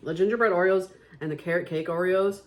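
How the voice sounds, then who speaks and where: A woman hosting a casual food review vlog, chatty and excitable, talking straight to her viewers. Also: on the low side, fast talker. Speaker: vlog host.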